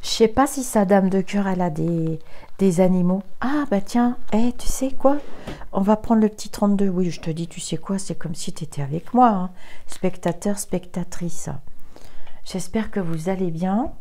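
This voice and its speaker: A woman's voice: mid-range voice, normal speed, mellow. A woman medium doing a tarot reading on a live stream, chatting to viewers and exclaiming as she counts out her cards. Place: indoors at a desk with a camera.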